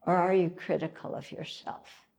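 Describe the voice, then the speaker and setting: A woman giving a self-help talk, coaxing her listeners with rhetorical questions and frequent check-ins, sometimes gently teasing. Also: fairly low pitch, fairly even intonation, moderate pace, gravelly, slightly rough.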